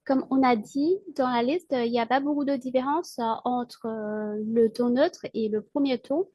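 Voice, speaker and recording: High-voiced woman teaching slowly. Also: steady tone, dark tone, dry recording. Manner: patient, with many filler pauses; models syllables slowly for repetition. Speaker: Mandarin teacher. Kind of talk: language lesson.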